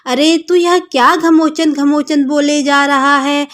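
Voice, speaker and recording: A woman's voice: high-pitched, level tone, slow. A woman voicing a curious, anxious goddess wife in a devotional story, asking pleading questions in a raised voice.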